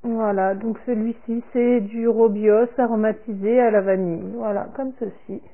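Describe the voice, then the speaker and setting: A woman vlogger showing a product order in casual talk, halting and trailing off softly after each item. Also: on the high side, steady tone. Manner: slow and halting, repeats "comme ceci" and "voilà", trails off softly. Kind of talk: casual unboxing talk to camera. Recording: tinny phone-like sound.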